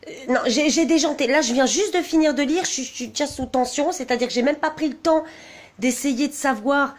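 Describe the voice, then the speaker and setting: A woman's voice: sits high, moderate pace. A woman vlogging off the cuff, reading a document aloud and commenting on it in an indignant, agitated and rambling way. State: wound up, on edge.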